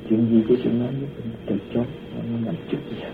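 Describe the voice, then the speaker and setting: A man's voice: mid-range voice, completely flat delivery, very fast, vocal fry, background noise. A man animatedly recounting a personal story and acting out the voices of the people in it. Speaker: storyteller recounting his past. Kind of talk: spoken personal testimony. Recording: tinny phone-like distant recording.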